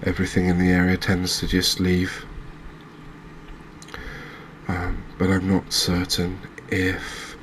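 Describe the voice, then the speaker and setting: Here a gaming video creator narrates a game slowly and with frequent pauses, in a soft, relaxed ASMR style. His voice is deep and very even, his delivery hesitant, understated, and musing. Faint ambient noise sits in the background.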